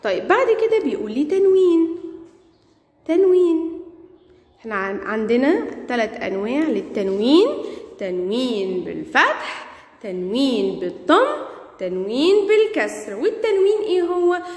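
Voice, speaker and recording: A woman's voice: high voice, big pitch swings, normal speed, pauses often, darkish tone. A woman with an Egyptian Arabic accent teaching primary school grammar, asking questions and praising her pupils. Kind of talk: classroom grammar lesson. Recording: echoey room with long reverb.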